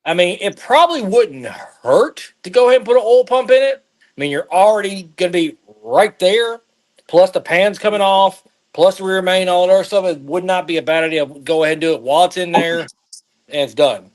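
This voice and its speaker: Calm man giving practical advice. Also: high-pitched, a little fast, rough recording. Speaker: guest on the call. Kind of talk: casual chat on a video call. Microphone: video call.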